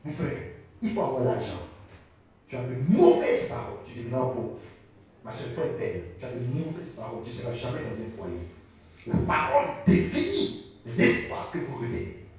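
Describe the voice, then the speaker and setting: Pastor, male, high animated voice, emphatic sermon, very echoey hall, faint music behind. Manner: emphatic, repeats phrases, questions the congregation.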